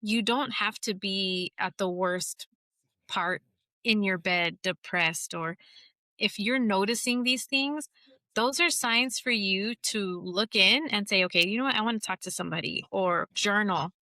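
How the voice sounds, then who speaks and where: A woman's voice: medium pitch, unhurried, bright, forceful tone, no room sound. A woman in her forties hosting a podcast, talking frankly and casually, cursing now and then. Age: 40s. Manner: frank and chatty, swears casually. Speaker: podcast host. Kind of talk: casual conversational interview.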